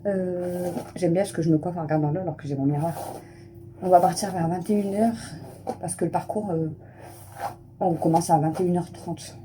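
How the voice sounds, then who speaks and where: A woman's voice: on the low side, fairly even intonation, normal speed, noisy background. A woman in her thirties, a family vlogger chatting casually to camera at home, rambling with lots of fillers. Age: 30s. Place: at home, just out of the shower.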